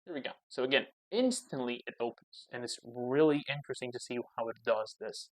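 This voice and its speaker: A man's voice: mid-range voice, a little fast, dry recording. A man talking through his own coding session as channel host, thinking aloud and muttering commands as he types. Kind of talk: casual coding screencast commentary.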